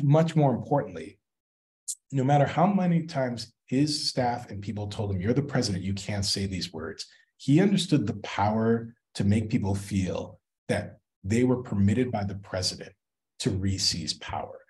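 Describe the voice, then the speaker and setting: Male scholar, interview guest; low pitch, expressive delivery, emphatic and reflective. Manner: reflective, emphatic, frequent "right?" tags. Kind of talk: academic interview conversation.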